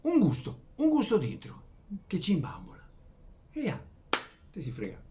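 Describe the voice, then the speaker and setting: A man with a Venetian accent from Veneto, speaking in dialect, rambling through homespun philosophy in a halting way, repeating words and putting questions to his listeners. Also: high voice, huge pitch swings, mellow. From Veneto, Italy. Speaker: vlogger. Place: outdoors among flowers in early morning.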